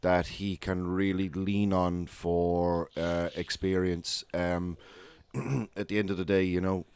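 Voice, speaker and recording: Low, flat-voiced podcast co-host. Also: male voice, slow, smooth, no echo. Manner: hesitant, repeats words while thinking aloud. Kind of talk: casual motorsport discussion.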